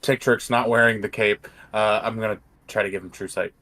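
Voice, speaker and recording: Man, somewhat deep voice, tabletop game player, casual chat. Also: steady tone, a little fast, bright, forceful tone.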